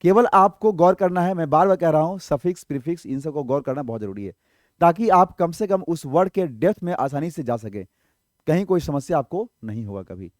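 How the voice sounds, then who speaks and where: A man's voice: a little high, animated, a little fast, no room sound, clean studio sound. A man teaching English vocabulary in an online exam-prep lesson, explaining patiently, asking rhetorical questions and checking in often.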